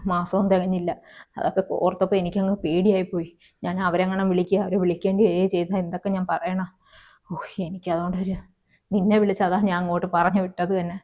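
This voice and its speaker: A woman's voice: fairly low pitch, natural voice. A middle-aged woman playing a worried, caring mother-in-law in a home-made family drama, soothing others and repeating herself. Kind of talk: amateur family web-series acting. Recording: slightly dull, lo-fi sound.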